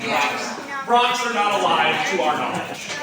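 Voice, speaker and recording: A man's voice: high voice, lively intonation, a little slow, recorded from a distance, heavy background noise. A man working as a tour guide, talking theatrically to a group and quizzing them inside an echoing cave.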